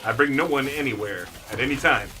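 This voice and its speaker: A man's voice: mid-range voice, brisk, background noise. A man casually commenting on his game for a live stream, joking with his chat. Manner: playful, jokey, talks to chat.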